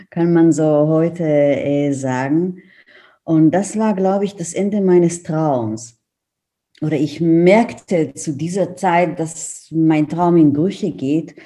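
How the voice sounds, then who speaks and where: This middle-aged Israeli woman, a native Hebrew speaker with an Israeli accent, has a low, warm voice. As an interview guest she gives a reflective account, hesitant and searching for words.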